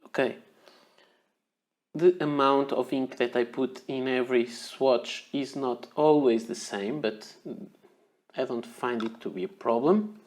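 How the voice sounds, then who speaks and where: Slow, hesitant man with a Portuguese accent. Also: mid-range voice, steady tone, a little mellow. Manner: unhurried, hesitant, repeats words while working. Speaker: fountain pen ink reviewer. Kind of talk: casual demonstration.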